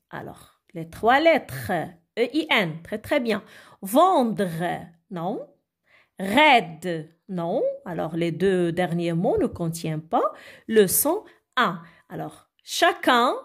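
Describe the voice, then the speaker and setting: A woman teacher leads a reading lesson for small children. Her voice sits a little high and moves a lot, and she speaks unhurriedly, repeating each word slowly and deliberately so the class can follow. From Arabic-speaking country.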